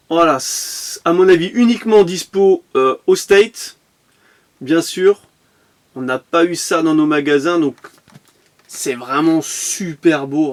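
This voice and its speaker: Male vlogger, fairly high voice, rambling unboxing chat. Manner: chatty, with frequent fillers and restarts. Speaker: toy car collector vlogger. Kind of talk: casual unboxing vlog.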